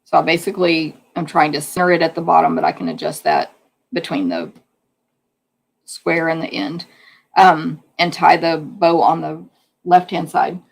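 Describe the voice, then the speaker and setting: Woman craft instructor, hoarse and gravelly, chatty hands-on demo delivery. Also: deep voice, lively intonation, moderate pace. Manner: chatty, hands-on explaining while working. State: losing her voice. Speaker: card-making instructor. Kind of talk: live craft demonstration.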